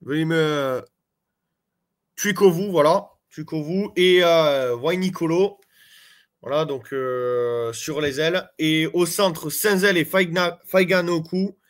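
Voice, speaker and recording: Un homme originaire des Landes parle à ses abonnés de façon décontractée, d'une voix plutôt aiguë. Il hésite souvent, multiplie les « euh » et interpelle son public d'un ton familier. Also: male voice, a little high, slow pace. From Landes, France. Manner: chatty, hesitant, many fillers, addresses viewers as "les gars". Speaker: rugby fan vlogger. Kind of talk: casual fan commentary to camera.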